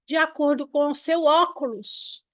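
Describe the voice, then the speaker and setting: High-voiced Brazilian woman in her forties. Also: measured pace, slight background noise. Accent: Brazilian Portuguese. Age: 40s. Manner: animated, talkative, frequent restarts and laughs. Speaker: online personal development teacher. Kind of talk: live-streamed lesson with personal stories.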